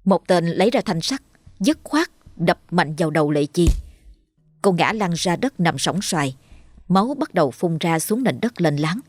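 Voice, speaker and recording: A woman narrating a scripted ghost story in a steady, even way. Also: on the low side, normal speed. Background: faint music.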